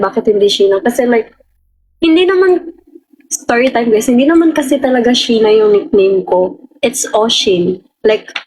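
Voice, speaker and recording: Filipino girl livestreaming, kinda high breathy voice, chatty and rambly, replies to chat. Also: low-quality recording. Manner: rambling, chatty, mixing languages, answering viewer comments. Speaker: livestream host.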